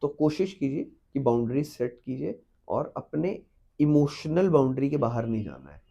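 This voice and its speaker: A man's voice: mid-range voice, sing-song, moderate pace, creaky, dark tone, dull audio. A man, a teacher giving earnest advice as a podcast guest and mixing English phrases into his Hindi.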